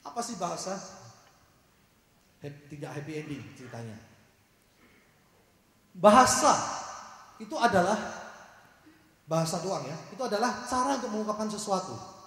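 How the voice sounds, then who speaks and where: A man's voice: high-pitched, sing-song, moderate pace, pauses often, fairly bright tone. A man preaching a sermon, telling a story and acting out its characters, then asking his audience questions. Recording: echoey hall.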